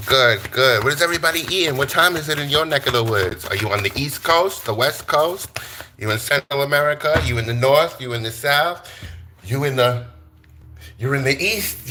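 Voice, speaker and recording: A man's voice: mid-range voice, background noise. A man from Brooklyn, chatting playfully with viewers on a live tarot stream, joking and swearing freely. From Brooklyn, New York.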